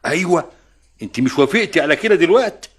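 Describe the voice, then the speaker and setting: Casting: middle-aged Egyptian uncle, calm and wry, animated delivery. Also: male voice, a little high, quick pace, breathy edge. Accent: Egyptian Arabic. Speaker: bride's uncle. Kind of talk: classic film acting.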